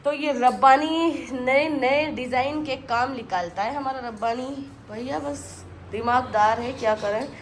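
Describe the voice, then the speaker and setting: Talking to her children and her audience, a vlogging mom who has a cold speaks casually indoors at home. Her voice is high and she takes her time.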